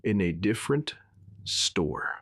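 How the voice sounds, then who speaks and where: A man doing a bellowing gruff Walt. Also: fairly low pitch, no echo, clean studio sound, pitched below the performer's own voice, exaggerated voice. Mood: loud, deadpan. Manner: loud, bellowing, drawn-out deadpan delivery. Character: gruff middle-aged male chemistry teacher turned cook. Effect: voice conversion filter. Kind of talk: comedic impression for an animation bit.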